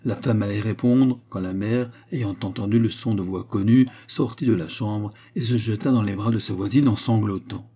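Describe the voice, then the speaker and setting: A man narrating a classic novel as an audiobook, in a measured, even storytelling manner. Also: fairly low pitch.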